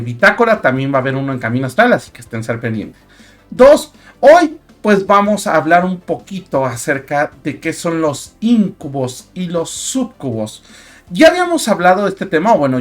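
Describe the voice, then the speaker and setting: A man's voice: fairly high pitch, a bit bright. A young man with a Mexican Spanish accent hosting a casual talk show, chatty and full of fillers and restarts. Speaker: host.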